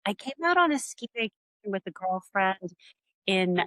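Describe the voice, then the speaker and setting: A woman's voice: medium pitch, very animated, fairly bright tone, no echo, low-quality recording. A middle-aged woman from rural Pennsylvania, an artist telling her story in an interview with many fillers. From rural Pennsylvania, USA. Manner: rambling, many fillers, quick bursts. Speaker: artist, podcast guest.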